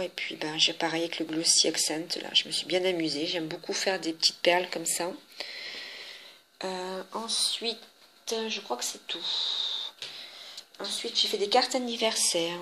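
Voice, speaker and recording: Bright-voiced French woman showing her cards. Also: lowish voice, slight background noise. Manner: chatty, halting, many fillers and restarts. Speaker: papercraft vlogger. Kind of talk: casual show-and-tell of handmade cards.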